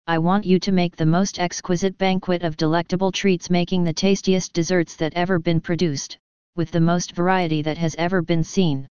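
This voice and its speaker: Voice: mid-range voice, little pitch movement, normal speed, a little mellow, clean tone, no room sound, dull audio, close to an everyday voice. A preacher voicing a stately, commanding king within a parable. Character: demanding king, grand and commanding.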